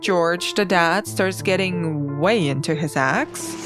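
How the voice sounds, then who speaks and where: A woman's voice: on the low side, takes it slowly, loud music behind the voice. A woman hosting a podcast, reading scripted narration. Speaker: podcast host.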